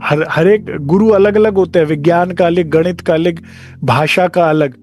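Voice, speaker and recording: A spiritual teacher gives a devotional discourse in a conversational way, acting out short dialogues along the way. His voice is a little high with a darkish tone, at normal speed, over soft background music.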